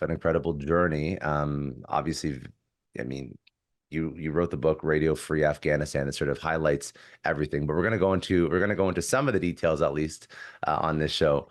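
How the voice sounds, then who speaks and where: A low-voiced man hosts a business podcast. He asks his questions with keen enthusiasm, often circling and rephrasing before he gets to the point. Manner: eager, enthusiastic, rambling questions. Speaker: podcast host. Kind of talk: interview questions.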